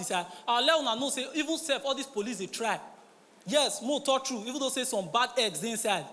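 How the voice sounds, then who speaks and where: High-voiced Nigerian stand-up comic. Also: male voice. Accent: Nigerian Pidgin English. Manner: animated storytelling, acting out characters. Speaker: stand-up comedian. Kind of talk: stand-up comedy. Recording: reverberant hall.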